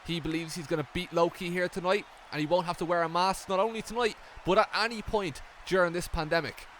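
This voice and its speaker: High-voiced comedic wrestling commentator. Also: male voice, fairly even intonation, fast, a bit bright, a little hiss or hum.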